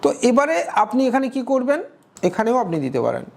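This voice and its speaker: A woman's voice: on the high side, very animated, quick pace, creaky. A woman narrating a step-by-step screen tutorial, instructive, often checking in with the viewer. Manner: instructive, keeps checking in with "okay?". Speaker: tutorial creator.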